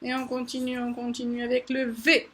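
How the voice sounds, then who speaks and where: A woman preschool teacher explaining letter sounds to parents, animated and repeating each sound slowly several times. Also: fairly high pitch.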